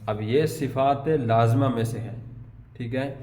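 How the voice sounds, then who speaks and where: A man teaching Quran recitation in a patient way, spelling out words slowly, syllable by syllable. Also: mid-range voice, a little mellow. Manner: patient, drawn-out syllable-by-syllable drilling. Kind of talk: tajweed lesson, spelling out words. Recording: long hall reverb.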